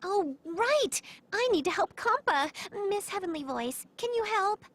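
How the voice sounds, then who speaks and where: Neptune, high bubbly girl heroine. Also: expressive, a little slow. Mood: perky, confused. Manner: playful, exclamatory, cheeky. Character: bubbly, goofy, brave young girl heroine. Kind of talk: anime-style game voice acting.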